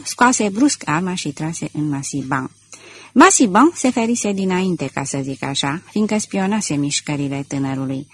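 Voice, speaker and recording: A woman narrating a classic adventure novel for an audiobook in a measured, dramatic way. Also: lowish voice, husky. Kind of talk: scripted narration.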